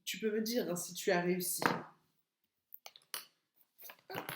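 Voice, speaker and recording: A woman kindergarten teacher giving a remote literacy lesson to young children, slowly and patiently sounding out letters and syllables. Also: mid-range voice. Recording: echoey room.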